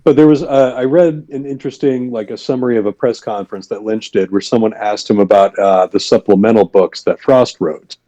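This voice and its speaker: A podcast co-host with a lowish, dark-toned voice chats casually and thoughtfully, a little fast with few pauses and plenty of fillers. The recording sounds dull and lo-fi.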